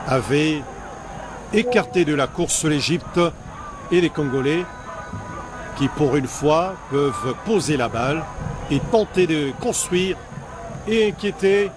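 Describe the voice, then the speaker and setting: A male football commentator with a high voice delivers the match slowly. He hesitates often between short phrases, with clear noise behind him.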